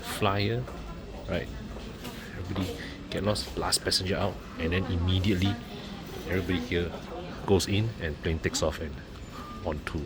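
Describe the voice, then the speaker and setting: A man's voice: low-pitched, fairly even intonation, moderate pace, pauses often. A man with a Malaysian accent chats casually and colloquially as a travel vlogger, using local slang particles like lah. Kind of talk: casual chat to camera. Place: airport departure lounge. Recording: busy airport crowd noise behind. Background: loud crowd chatter.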